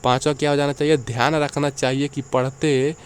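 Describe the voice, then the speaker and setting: A man's voice: mid-range voice, level tone, fairly quick, clear, resonant tone. A man teaching an exam-prep lecture, going through the points one by one and checking in with the listeners as he explains. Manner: explains point by point, often adds "ठीक है".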